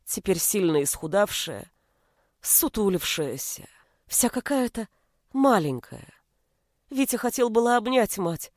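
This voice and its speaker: A woman narrating a story aloud with an expressive reading. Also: medium pitch, no echo, studio quality.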